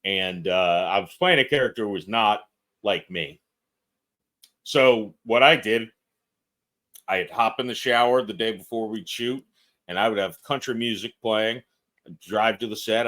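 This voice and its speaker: A man with a lowish voice chatting on a podcast as a guest actor and filmmaker. He is fidgety and self-deprecating and laughs a lot between thoughts. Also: a bit bright. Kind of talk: casual podcast conversation.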